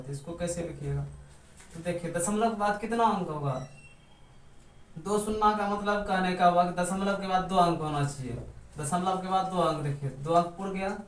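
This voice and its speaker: High-voiced man teaching math in an echoey room. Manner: asks the class questions and answers them himself. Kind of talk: step-by-step blackboard math lesson. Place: room with a board. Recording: echoey room, distant mic, faint background noise.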